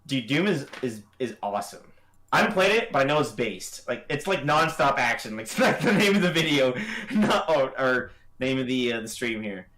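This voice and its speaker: A man's voice: mid-range voice, very animated, moderate pace, fairly bright tone. Laid-back young man chatting on stream. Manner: laid-back, laughs often, trails off and restarts. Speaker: co-host judging animation entries. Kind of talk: casual livestream chat.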